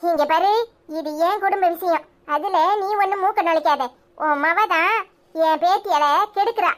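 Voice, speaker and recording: A woman voicing a bossy, sharp-tongued old grandmother in a cartoon, with a Tirunelveli Tamil accent. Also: extremely high pitch, normal speed. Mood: threatening. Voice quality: harsh, sharp-tongued scolding. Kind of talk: cartoon voice acting.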